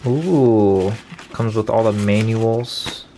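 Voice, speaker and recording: A young adult man with a lowish voice speaks very slowly while casually hosting an unboxing video. He's informal, cracks crude jokes and swears often. The recording comes from a noisy room and has clicks in it.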